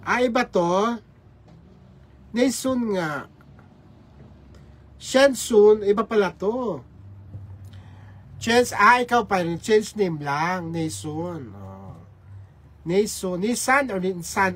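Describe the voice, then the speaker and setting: A man's voice: high-pitched, expressive, slow pace, pauses often, a bit bright, slightly rough. A man hosting a casual livestream, greeting viewers by name with repeated hellos. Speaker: livestream host.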